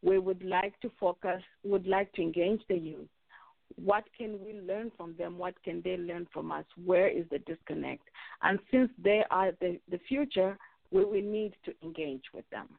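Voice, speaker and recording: A middle-aged woman hosts a roundtable discussion in a measured, halting way over the phone. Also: lowish voice, vocal fry, no room sound. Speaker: radio host. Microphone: phone call. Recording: tinny phone line.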